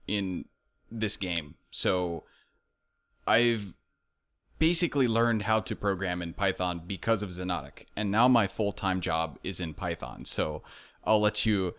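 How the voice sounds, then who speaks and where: Casual male interviewer, slightly low voice, jokey, pokes fun at himself. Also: a little slow. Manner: joking, self-deprecating.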